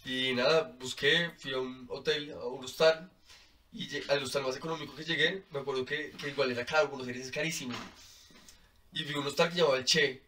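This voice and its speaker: Colombian male guest, mid-pitched, chatty and animated, laughs a lot, slightly distant mic. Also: a little fast, a little hiss or hum. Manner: animated, laughs often, fills with "como". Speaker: podcast guest. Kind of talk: casual storytelling.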